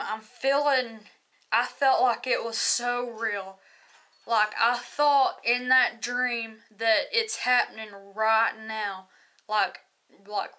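Sharing a personal story as a casual testimony, this young video host wanders from point to point, leaning heavily on fillers like "like" and "you know." Her voice is slightly high, bright, and pushed.

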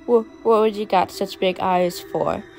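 A woman's voice: medium pitch, steady tone, unhurried, a little mellow, soft background music, lightly acted. Storybook boy voiced by a woman, frightened, timid, stammering. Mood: scared.

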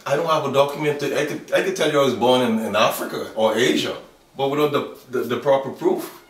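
Speaking in a mid-range voice, a man in his thirties with a Bahamian accent gives an earnest, halting documentary interview, restarting sentences and using lots of fillers. The setting is outdoors by a wall in a yard. He was recorded from a distance, and the camera sound is echoey and off-mic.

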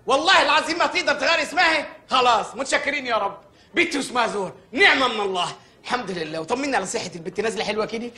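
A bumbling, hot-headed Egyptian village mayor rants in a high, bright voice that races along at full tilt. He pleads and complains loudly in broad comic bursts, with faint music behind. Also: expressive, very fast, full character voice. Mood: exasperated. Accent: Egyptian Arabic. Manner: loud comic ranting and pleading. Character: bumbling, short-tempered village mayor, middle-aged man.

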